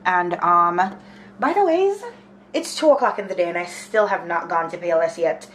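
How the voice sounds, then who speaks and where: A woman's voice: lowish voice, lively intonation, normal speed, fairly bright tone, slight background noise. A woman in her twenties, from Jamaica, chatting casually while vlogging at home, rambling and thinking aloud with lots of fillers. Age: 20s. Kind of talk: casual daily vlog chat. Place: small home kitchen and spare room indoors.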